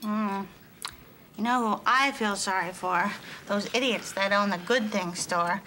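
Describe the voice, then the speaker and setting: An actress playing a chirpy, tactless, dim young bartender in a sitcom. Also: female voice, medium pitch, measured pace, pushed and bright, a little hiss or hum, rough recording. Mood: chirpy, blunt. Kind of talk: sitcom acting.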